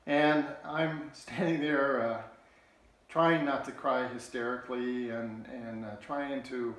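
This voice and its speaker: A man's voice: mid-range voice, steady tone. Earnest man telling a story in an echoey room. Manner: halting and earnest, many restarts. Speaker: political candidate. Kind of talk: personal storytelling.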